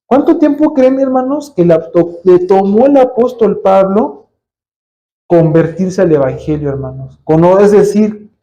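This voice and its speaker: A man with a Mexican accent preaches a sermon in church, his voice high-pitched yet soft and mellow. He keeps calling out to the congregation as brothers and sisters and asks them question after question, leaving them hanging. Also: lively intonation, unhurried, highs cut off. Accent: Mexican Spanish. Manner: addresses listeners as brothers, rhetorical questions.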